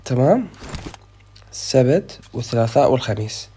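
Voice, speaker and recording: A young man with an Iraqi Arabic accent runs a gaming channel, giving loose, chatty gameplay commentary and thinking aloud while slightly sick. His medium-pitched voice is mellow and sing-song at a moderate pace, with a bit of background noise.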